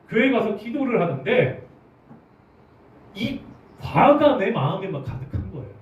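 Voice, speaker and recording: A pastor with a somewhat high male voice delivers an animated sermon, his pitch swinging widely as he keeps questioning the congregation. He's picked up from across a large, echoing church hall, and the recording is muffled and distant, with a faint murmur of room noise.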